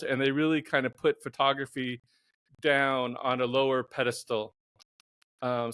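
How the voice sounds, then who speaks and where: Male host, mid-pitched voice, easygoing chatty delivery, dry close recording. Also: no echo. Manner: relaxed, chuckles often, filler ums. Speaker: podcast host and photographer. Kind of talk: casual interview hosting.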